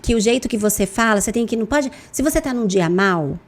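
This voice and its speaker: A woman with a Brazilian Portuguese accent, a guest in a podcast interview, talking animatedly with lively, expressive intonation. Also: on the high side, fast talker. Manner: animated, lively intonation, acts out phone calls in voices. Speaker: guest, insurance broker.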